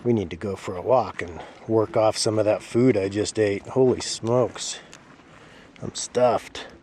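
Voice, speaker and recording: A man casually narrating his camp cooking outdoors by a creek, chatting to himself and his animals in a relaxed way. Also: fairly low pitch, normal speed, a little hiss or hum.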